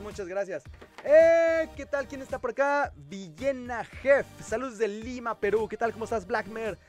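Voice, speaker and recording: A man with a Mexican Spanish accent, hosting a casual livestream and chatting as he reads viewer comments aloud and answers them. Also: sits high. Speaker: livestream host.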